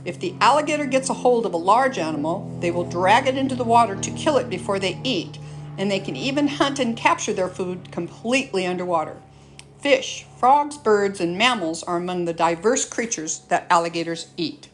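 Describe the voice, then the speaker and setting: A woman's voice: mid-range voice, lively intonation, normal speed, a little hiss or hum. Woman narrating an educational nature-documentary style lesson. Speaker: teacher presenting an educational lesson. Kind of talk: scripted educational narration with casual asides.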